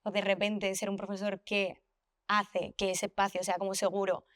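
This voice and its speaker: A woman's voice: mid-range voice, little pitch movement, normal speed, fairly bright tone, no room sound, clean studio sound. A woman from interviewing a guest, agreeing with him and summing up his points. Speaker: interviewer and former drama student. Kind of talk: conversational interview.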